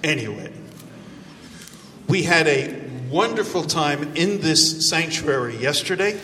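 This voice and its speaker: An older American man preaching with jokes, pausing for an interpreter in a church. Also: fairly high pitch, lively intonation, pushed and bright, a little hiss or hum. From United States. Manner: joking, pausing for translation. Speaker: visiting preacher. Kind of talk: sermon with live interpreter. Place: large church hall. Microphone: handheld or headset mic, walking about. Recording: echoey church hall, faint ambience.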